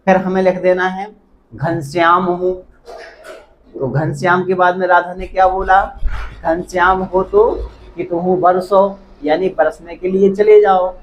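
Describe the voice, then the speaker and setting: Man teaching at a small board. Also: sits high. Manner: slow, explanatory, repeats examples aloud. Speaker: Hindi teacher. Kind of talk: classroom lesson at a board.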